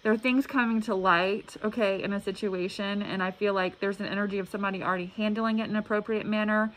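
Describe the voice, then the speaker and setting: A woman's voice: mid-range voice, fairly even intonation. Woman muffled through a face mask, background noise. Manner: halting, earnest, repeats words. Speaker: tarot reader. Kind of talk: casual spiritual tarot reading to camera. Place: indoor room at a table. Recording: clearly noisy room recording.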